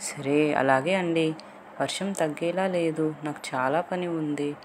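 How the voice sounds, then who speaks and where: A woman's voice: sits low, steady tone, a little slow, a little hiss or hum. Woman reading as a teasing young man. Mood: scolding.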